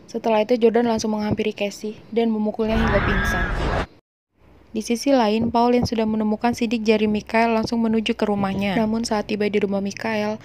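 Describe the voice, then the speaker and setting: Woman doing casual movie recap, mellow voice, jokey asides, bit of hiss. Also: mid-range voice. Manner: chatty, slangy, joking asides. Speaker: film recap narrator. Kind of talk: casual film recap narration.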